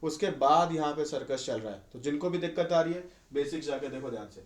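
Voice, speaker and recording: A man's voice: fairly high pitch, fast. A male chemistry teacher giving a conversational exam-prep lecture, often asking students rhetorical questions. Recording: echoey room.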